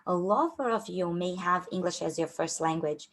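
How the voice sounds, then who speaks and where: At a moderate pace and fairly low pitch, a young career coach with a Brazilian Portuguese accent chats through a workshop. Portuguese is her native language, and her informal delivery includes many fillers and frequent restarts.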